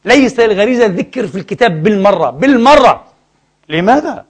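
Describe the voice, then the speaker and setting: A man's voice: high-pitched, expressive, brisk, breathy edge. A man preaching a sermon, emphatic and storytelling, often throwing rhetorical questions at the congregation and slipping in light asides.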